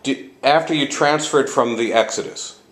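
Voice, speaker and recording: A man's voice: medium pitch, moderate pace, fairly bright tone. A man interviewing two older men, stumbling over his questions and repeating their answers back. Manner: hesitant, restarts questions, echoes answers back. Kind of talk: informal interview.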